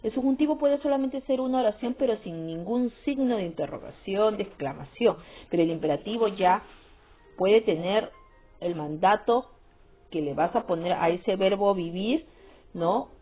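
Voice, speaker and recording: With lively intonation and a mid-range voice at normal speed, this woman runs a grammar lesson. She is repetitive, frequently tossing in "¿sí?" and "¿no?" to make sure her listeners follow. The recording has a tinny, phone-like quality and some faint music.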